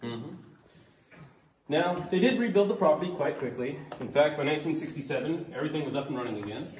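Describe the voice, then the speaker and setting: A man guiding visitors through a cavern and telling ghost stories in a chatty, relaxed way. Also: on the high side, a little fast. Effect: cave echo. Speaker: cave tour guide. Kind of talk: guided tour storytelling. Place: inside a cavern. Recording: echoey cavern, heard from a distance, faint hiss.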